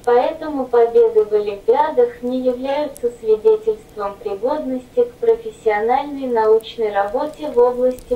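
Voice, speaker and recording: A female text-to-speech robot voice reading autobiographical notes in an even, mechanical way. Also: fairly high pitch, echoey room, far from the mic, a little hiss or hum, poor audio.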